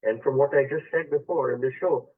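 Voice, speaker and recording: Heard through tinny phone-line sound, this male astrology host talks with a caller on the radio, explaining the chart in a blend of English and Hindi phrases. His voice is mid-range with a breathy edge, and he talks fairly quickly.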